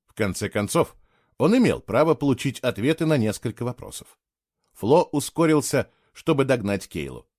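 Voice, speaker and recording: A man reading a novel aloud in a measured, expressive storytelling way. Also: medium pitch, no echo, clean studio sound. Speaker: audiobook reader. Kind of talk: scripted narration.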